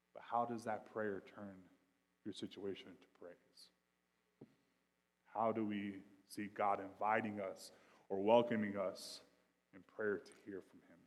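A man preaches from the pulpit in a loose, conversational way, dropping slang and asides into his sermon. His voice sits low and moves between hushed reflection and loud intensity. A long reverb from the church hall trails every phrase. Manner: swings from quiet reflection to loud, intense delivery. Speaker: pastor.

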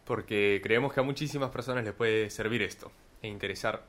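A male podcast host with a somewhat low voice chats in a relaxed, slangy way. He keeps checking in with his listener as he talks. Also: a little fast. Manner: loose, slangy, keeps asking "¿me entiendes?". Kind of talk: casual conversation.

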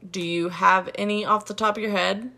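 A young woman co-hosting a faith podcast, chatting quickly and agreeably and laughing often. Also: medium pitch, steady tone, vocal fry, bright, forceful tone. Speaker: podcast co-host. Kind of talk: casual chat.

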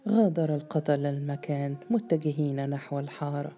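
Dark, low-voiced woman narrating a novel. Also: soft background music. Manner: measured, dramatic reading. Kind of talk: scripted audiobook narration.

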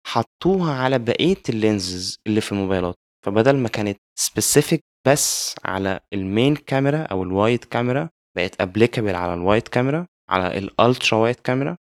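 Quick Egyptian man blending English into Arabic. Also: mid-range voice, no echo, clean studio sound. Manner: mixes English words and phrases into Arabic. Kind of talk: casual tech discussion.

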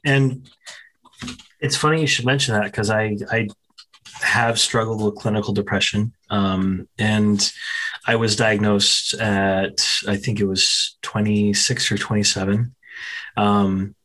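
A man hosting an interview, speaking in a relaxed, easygoing way with supportive interjections. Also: lowish voice, unhurried, low-quality recording. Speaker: interview host. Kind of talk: conversational interview.

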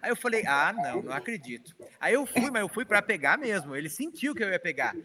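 A middle-aged man, a psychologist guest telling stories in casual chat, animated and self-mocking as he acts out dialogue. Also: high-pitched, fast talker, a crowd in the background.

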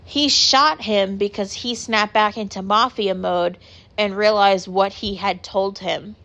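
A woman talks in a loose, rambling way, packing her sentences with filler words and the odd swear. Her voice has a gravelly, creaky edge that sits at a middling pitch for a woman. She sounds like a podcast host in a casual chat. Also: steady tone, measured pace, fairly bright tone, lo-fi sound.

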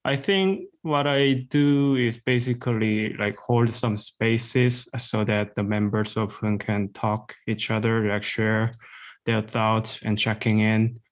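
Man from South Korea speaking slowly. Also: lowish voice, steady tone. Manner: careful, pausing, simple phrasing. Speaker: PhD student, reading group host. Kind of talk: casual group discussion.

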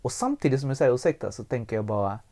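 Candid, swearing man telling a story. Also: mid-range voice. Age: adult with young child. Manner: candid, swears freely, animated, acts out quotes. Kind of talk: personal storytelling in conversation.

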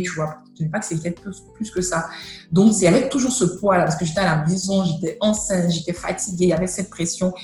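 A woman's voice: on the low side, darkish tone, echoey room. A woman giving a personal faith testimony, telling her story animatedly and acting out the dialogue. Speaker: guest sharing a testimony.

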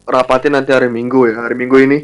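A man with an Indonesian accent speaks in a medium-pitched voice. He chats casually as a podcast guest, in an informal and joking way. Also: little pitch movement, rapid-fire, smooth. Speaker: podcaster, live stream guest. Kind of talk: casual banter and chat.

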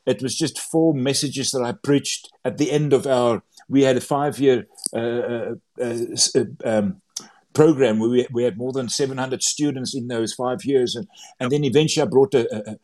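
Speaking English with an Afrikaans accent, this author and Bible translator eagerly discusses his books in a relaxed interview. His mid-range, somewhat mellow voice moves at a moderate pace with fairly even intonation, yet he trips over words and restarts often.

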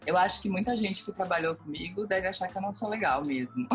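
A woman's voice: on the low side, quick pace, heavy background noise. A Brazilian woman, a TV presenter, telling stories animatedly in a casual interview and acting out the dialogue, with faint music underneath. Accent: Brazilian Portuguese. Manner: animated storyteller, acts out quoted dialogue.

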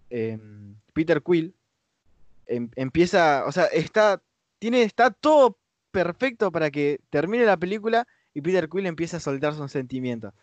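A man's voice: a little high, no room sound. A man with a Rioplatense accent in a casual podcast chat, enthusiastic and stumbling over his words. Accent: Rioplatense Spanish. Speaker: podcast co-host.

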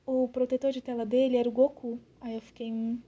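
A woman's voice: on the high side, a little fast, husky, muffled recording. A young woman, casually telling a story on a podcast and acting out the dialogue in it. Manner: animated, acts out quoted dialogue. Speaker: podcast co-host.

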